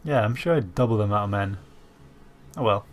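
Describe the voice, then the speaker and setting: A gaming channel host with a lowish voice talks a little fast, congested by a stuffy cold, with slight background noise. Musing aloud with plenty of fillers, he commentates a strategy game as he plays, keyboard typing audible behind him.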